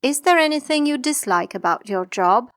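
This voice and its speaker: A woman's voice: high voice, lively intonation, normal speed, a bit bright, no echo, studio quality. A woman playing an exam examiner, asking scripted questions politely and formally.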